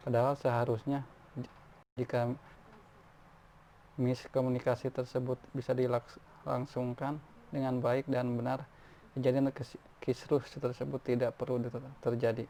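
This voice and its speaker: Guy reading news off a page, dark low-key tone, keeps restarting words, faint hiss behind. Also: little pitch movement, unhurried, pauses often. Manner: stumbling, frequent restarts on words. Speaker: news reader. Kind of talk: reading news articles aloud. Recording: faint background noise.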